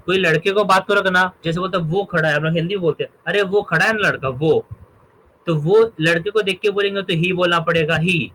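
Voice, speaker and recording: A man's voice: high voice, sharp tone, slight background noise, rough recording. A man teaching a grammar lesson, explaining through examples and often checking that his students follow. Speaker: English teacher.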